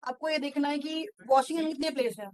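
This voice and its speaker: A woman running a software training session, explaining step by step with frequent fillers. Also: high-pitched, steady tone, quick pace, a crowd in the background. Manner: mixes Hindi and English, explanatory, frequent fillers. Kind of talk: screen-share training walkthrough.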